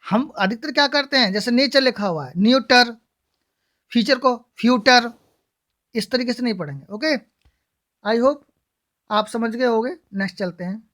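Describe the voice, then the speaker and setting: Teaching English pronunciation in a classroom-style lesson, a woman with a slightly high, fairly bright voice moves at a moderate pace. She repeatedly poses a question to the class, answers it herself, and spells out each word letter by letter.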